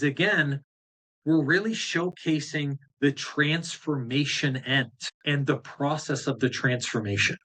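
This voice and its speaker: A man's voice: a little high, a bit bright. A man coaching a live group session, talking in a direct, blunt and fired-up way with casual swearing. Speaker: business coach.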